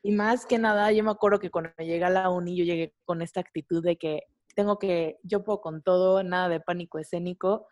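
A woman in her twenties with a Mexican Spanish accent, co-hosting a podcast and telling a personal story in a casual, animated way, full of fillers and slang. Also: lowish voice, brisk, hardly any pauses. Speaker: podcast co-host.

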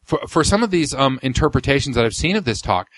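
A man's voice: mid-range voice, very animated, quick pace, a bit bright, no room sound. Blunt sardonic man, dry close sound. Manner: blunt, sardonic, frequent restarts and ums. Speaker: podcast host. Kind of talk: casual commentary reading a talk.

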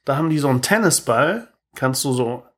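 A man in his thirties co-hosting a podcast, telling a story in lively casual chat and tagging his sentences with "ne?". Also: medium pitch, fairly quick. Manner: animated, tags sentences with "ne?". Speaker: podcast co-host.

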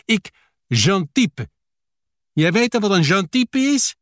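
Man putting on a sharp-tongued Brazilian widow. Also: high-pitched, big pitch swings, slow, no echo, studio quality, exaggerated voice. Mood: prickly. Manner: blunt, clipped broken grammar. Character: fierce Brazilian widow in broken Dutch.

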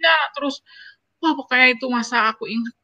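Bright, dry-sounding woman telling her story. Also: high voice, fairly quick, dry recording. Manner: emotional, animated storytelling that often turns to address the host. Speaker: interview guest, university lecturer. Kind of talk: personal storytelling in a conversational interview.

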